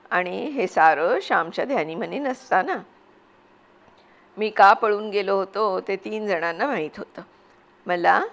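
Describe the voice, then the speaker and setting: A woman's voice: mid-range voice, gravelly. Woman narrating a classic story. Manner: measured, expressive storytelling. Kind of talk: audiobook reading of a classic novel.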